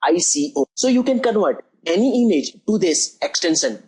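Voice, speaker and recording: Husky-voiced coding tutor. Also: mid-range voice, sing-song, moderate pace, warm tone, rough recording. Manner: methodical, repeats "as you can see over here". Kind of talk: screen-recorded coding tutorial.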